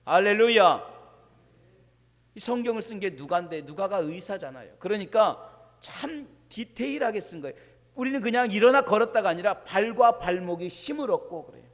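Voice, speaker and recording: Guy preaching, drops to near whispers then booms out, church echo all over it. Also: animated, moderate pace. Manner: dynamic, shifting from hushed asides to loud proclamations. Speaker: pastor. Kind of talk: sermon. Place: church sanctuary. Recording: long reverb of a church hall.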